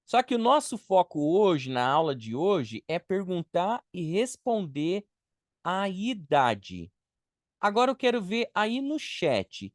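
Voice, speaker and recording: Slow, patient Brazilian teacher man. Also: sits high, very animated, no echo, studio quality. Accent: Brazilian Portuguese. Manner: patient, repeats words slowly to model pronunciation. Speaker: English teacher. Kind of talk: live online beginner class.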